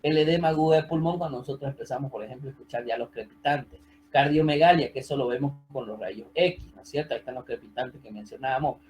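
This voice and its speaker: A man's voice: mid-range voice, fast, darkish tone, rough recording. A man giving an online medical lecture over a video call, explaining step by step and often checking in with his students. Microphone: computer mic on a video call.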